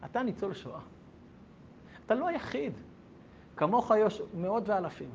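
A man voicing an elderly wise rabbi who gives gentle, reassuring counsel, on a dull lo-fi recording. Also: big pitch swings, gravelly, full character voice. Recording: dull lo-fi recording with faint rumble.

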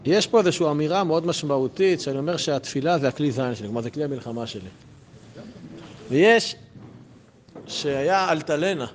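A man leads a religious lesson in a relaxed, conversational way. He poses rhetorical questions and lifts his voice on the points that matter. His speaking voice sits a little high for a man. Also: long pauses, slight background noise. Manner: conversational, with rhetorical questions and sudden emphatic rises. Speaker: religious teacher. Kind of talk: Torah lesson to a group.

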